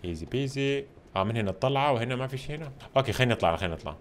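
A man giving casual, excitable commentary while playing a video game, talking to his viewers all the time. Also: mid-range voice, rapid-fire. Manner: excitable, chatty, addresses viewers constantly.

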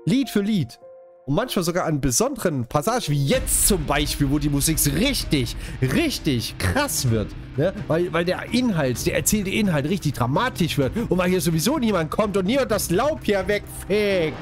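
Gaming YouTuber, man from Saxony, lively pitch, light music behind. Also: normal speed. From Saxony, Germany. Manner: chatty, jokey, talks straight to viewers. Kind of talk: casual let's-play commentary.

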